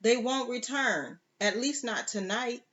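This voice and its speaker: A reader voicing a rough, cynical pirate captain who gives gruff, matter-of-fact orders, slow and plainly read. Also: medium pitch, bright, forceful tone, highs cut off, voice pushed up.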